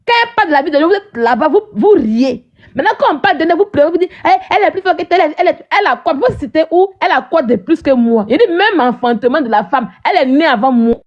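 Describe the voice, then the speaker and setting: A woman's voice: high voice, expressive, fast talker, lo-fi sound. A woman hosting a live stream, ranting at her viewers in a combative, mocking way and often asking "hein?".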